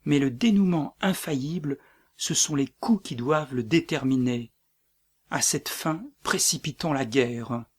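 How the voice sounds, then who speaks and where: A man's voice: mid-range voice, breathy edge. A man reading a solemn noble war leader. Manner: solemn, measured.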